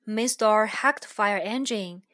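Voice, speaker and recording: A woman reading a children's story aloud, slowly and clearly. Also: medium pitch, a bit bright.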